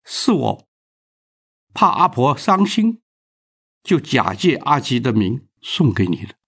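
Kind, soft-spoken village postman, husky and unhurried, as a male storyteller voices him. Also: mid-range voice, very animated, heavily acted. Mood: gentle. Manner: gentle, reassuring.

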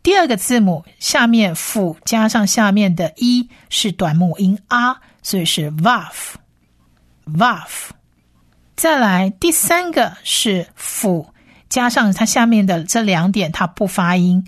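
A woman teaching a language lesson on air, patiently spelling out sounds and repeating each word slowly. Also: mid-range voice, no room sound, clean studio sound.

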